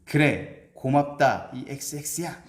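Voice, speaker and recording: A man voicing a rough, blustering male burglar who barks his threats. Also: medium pitch, unhurried, echoey room, voice pushed up, natural voice. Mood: scornful. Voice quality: gruff, shouting threats.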